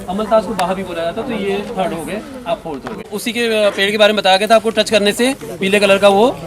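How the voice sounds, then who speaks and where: A man's voice: sits high, steady tone, a little fast. A man announcing prizes at an outdoor school program, chatting and quizzing the students in a conversational way. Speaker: event announcer. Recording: loud crowd and noise outdoors.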